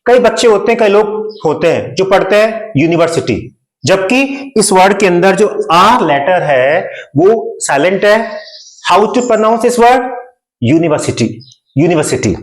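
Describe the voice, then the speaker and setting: A man with an Indian English accent, a Hindi speaker, teaching English grammar and repeating words slowly and emphatically for his students. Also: sits high, animated, roomy sound, poor audio. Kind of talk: classroom-style grammar lesson.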